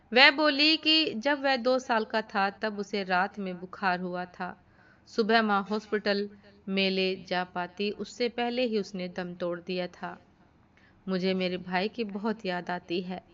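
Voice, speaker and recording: A woman narrating a devotional moral story in a slow, measured way. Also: mid-range voice, a bit bright, smooth. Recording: dull lo-fi recording.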